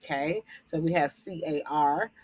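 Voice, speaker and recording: In a phonics lesson for fellow educators, a woman teacher walks through vowel syllable types, sounding out and repeating example words with fillers. She has a deep, darkish, slightly rough voice at a moderate pace, with no echo.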